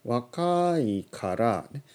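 A man in his thirties teaching on a casual podcast, animated, chuckling, and correcting his own phrasing aloud. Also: medium pitch, extremely slow. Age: 30s. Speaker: Japanese language teacher, podcast host.

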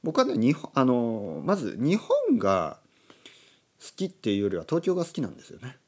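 Lively-voiced man explaining slowly. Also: medium pitch. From Oita, Japan. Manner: slow, explanatory, glosses words in English. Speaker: podcast host. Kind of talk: casual monologue for Japanese learners. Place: indoors at a table.

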